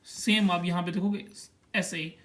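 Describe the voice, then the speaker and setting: A young man with a notably high-pitched voice teaches a language lesson. He is patient and steady as he points at a chart and sounds out each syllable slowly, one after another.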